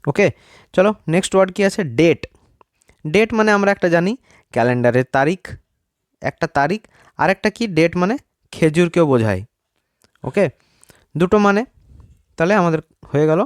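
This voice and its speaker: A man's voice: fairly high pitch, dry recording. A man gives a casual grammar lesson in a slightly raised voice that comes through dry and close. He explains each word patiently and checks in with an easy "okay" before moving on. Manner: addresses viewers as friends, repeats "okay" between points. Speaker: English teacher.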